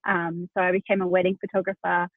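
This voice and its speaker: A pregnant Australian woman in her thirties who works as a wedding photographer chats casually as a podcast guest, full of fillers and restarts. Her voice is on the low side, flat and quick. The recording is dry, narrow and tinny.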